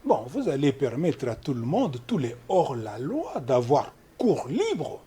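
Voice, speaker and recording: A husky, mellow-toned man, talking as a lawyer in a studio interview. He explains in a measured, lecturing way, with a lively rise and fall in his pitch. He cites article after article. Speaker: human rights lawyer guest.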